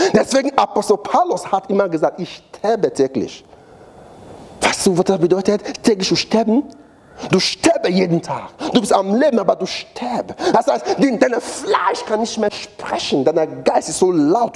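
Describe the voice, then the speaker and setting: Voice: mid-range voice, a little mellow, a little hiss or hum. A preacher giving a sermon in a church, repeating phrases for emphasis and asking the congregation to fill in missing words. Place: church hall.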